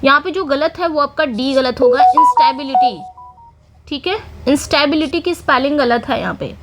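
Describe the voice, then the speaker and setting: A woman's voice: sits high, lively intonation, moderate pace, loud music behind the voice. A woman with an Indian accent teaching an exam-prep spelling lesson, explaining patiently and spelling words out letter by letter. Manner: explanatory, repeats words, many "theek hai" fillers. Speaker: English teacher.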